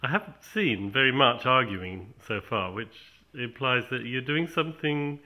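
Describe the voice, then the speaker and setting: A man's voice: mid-range voice, lively intonation, moderate pace, sharp tone. A man asking casual interview questions from behind the camera.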